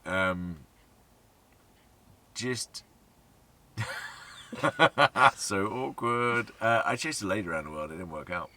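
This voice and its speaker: A man's voice: low-pitched, slow, long pauses, bright, forceful tone, a little hiss or hum. A young man from southern England, co-hosting a casual Q&A and joking around playfully. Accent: southern English. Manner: joking, playful, breaks into silly sung ditties. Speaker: co-host. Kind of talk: casual Q&A chat.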